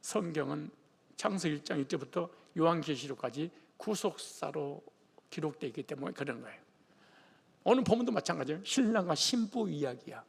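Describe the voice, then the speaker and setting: A man's voice: a little high, vocal fry, slightly rough. A male pastor from the Jeolla region of Korea preaching a sermon in a colloquial, joking manner. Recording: long reverb of a large hall.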